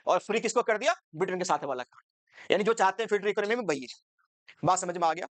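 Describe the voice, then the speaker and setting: A woman's voice: lowish voice, expressive, quick pace, dry recording. A woman teaching an exam-focused commerce lecture, asking the class rhetorical questions and switching between Hindi and English terms.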